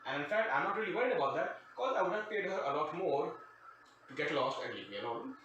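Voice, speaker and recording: Very animated and fast-talking, this man has a slightly high, fairly bright voice with a lo-fi sound, and he tells a wry, sarcastic, rambling comic anecdote. He hosts a storytime show and grew up outside the country he lives in. The distant mic leaves the very echoey room audible, along with faint noise.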